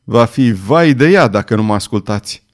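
Brief: man playing an audiobook villain lord, low, hoarse, threatening. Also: expressive, close to an everyday voice. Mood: menacing. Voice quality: thick, hoarse voice. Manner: low, menacing, clipped commands. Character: brutal nobleman villain, cold and commanding.

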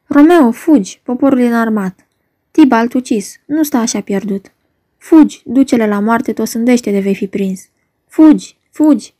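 Urgent young man friend voiced by a woman reader, mellow higher voice, play reading. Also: lightly acted. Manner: urgent, pleading delivery.

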